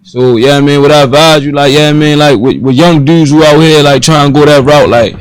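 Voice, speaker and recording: A man in his twenties with a Baltimore accent, a guest answering slowly and haltingly, full of fillers. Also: a little high, fairly even intonation, smooth, no echo, low-quality recording. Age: 20s. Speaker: guest rapper. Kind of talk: casual interview chat.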